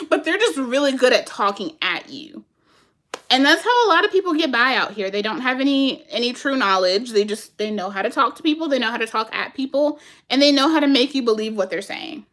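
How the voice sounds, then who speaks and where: A fairly high-voiced woman holds a relaxed, chatty catch-up with her viewers. She answers their comments in an animated way, breaks into laughter often and speaks straight to her audience. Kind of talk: casual chat with viewers.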